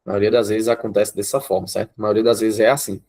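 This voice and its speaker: Talking at a quick pace in a lowish, level, slightly mellow voice, a man with a Brazilian accent teaches an online grammar class. He lays everything out step by step and keeps checking that his students are with him.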